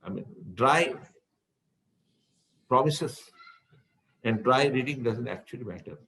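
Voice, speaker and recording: A man's voice: mid-range voice, vocal fry, low-quality recording. A man with an Indian English accent, a spiritual teacher speaking to devotees in a rambling, discursive way that often repeats words while he searches for the next phrase. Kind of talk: speaking to devotees in an online session.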